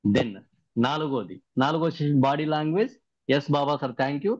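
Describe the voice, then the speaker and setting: A man's voice: on the high side, normal speed, darkish tone, no echo. Man quizzing trainees over a muffled call. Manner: keeps quizzing participants. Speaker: workshop trainer. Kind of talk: recap of a training session. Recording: dry, muffled video-call audio.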